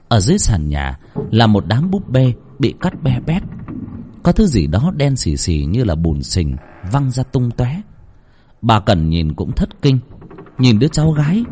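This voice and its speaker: A man narrating a horror story in an expressive, suspenseful way. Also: lowish voice, a little hiss or hum. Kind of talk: dramatic horror story reading.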